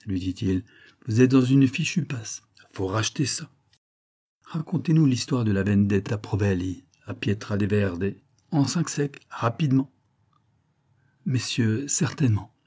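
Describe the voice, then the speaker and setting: A man narrating a classic novel aloud, shifting his pitch and loudness to voice each character. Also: husky. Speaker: audiobook reader. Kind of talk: scripted narration with voiced dialogue.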